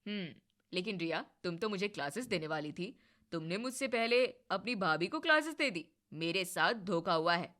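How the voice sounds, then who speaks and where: A grumpy, teasing young husband from a storybook drama, played by a woman dropping her voice low. He scolds fast and sulks in mock defeat. The tone stays bright and sharp. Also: lively intonation. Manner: mock-sulky, low put-on voice.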